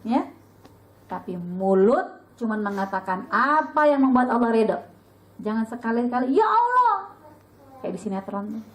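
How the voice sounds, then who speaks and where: A middle-aged woman giving a casual religious talk to a women's study group, lively and chatty, acting out bits of dialogue. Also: moderate pace, rough recording. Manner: lively, chatty, acts out dialogue with sudden high pitch.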